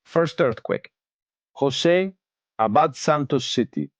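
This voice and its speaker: A man commentates on breaking news live, his voice a little high and swinging widely in pitch. He delivers updates in short, clipped phrases. The recording is dry and free of room sound. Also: animated, takes it slowly, no room sound.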